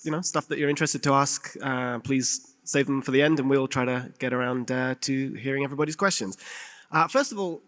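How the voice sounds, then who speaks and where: A man's voice: medium pitch, a bit bright. A man moderating a game industry conference panel in a casual, upbeat way. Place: conference hall. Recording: reverberant conference hall.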